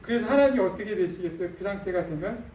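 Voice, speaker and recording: Male pastor, high voice, relaxed chatty preaching, recorded from a distance in a reverberant sanctuary. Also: fast talker, a little hiss or hum. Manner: conversational preaching with frequent fillers and tag questions. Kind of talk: sermon. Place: church sanctuary. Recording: echoey room, distant mic.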